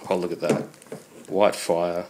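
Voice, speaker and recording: Australian male unboxing host, deep voice thick with a cold, casual and low-key, some background noise at a desk. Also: little pitch movement, a little slow, warm tone, poor audio. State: congested voice from a cold. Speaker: video host. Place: indoors at a computer desk.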